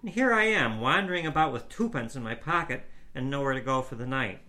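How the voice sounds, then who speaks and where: A man reading a story aloud, voicing a stranded young man who pleads his case in a hurried, eager way. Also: medium pitch, animated, sharp tone, pitched above the performer's own voice. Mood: pleading.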